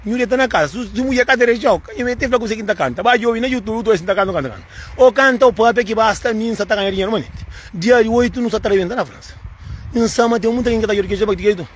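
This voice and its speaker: A man's voice: sits high, rapid-fire, a little hiss or hum. A man with a Cape Verdean accent, speaking in an emphatic, repetitive casual monologue to the camera and often calling the listener "moço". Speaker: channel host.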